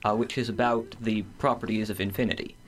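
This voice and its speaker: A young man, a student, reading his own short story aloud at a measured, steady pace. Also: fairly low pitch, a little hiss or hum. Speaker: student author.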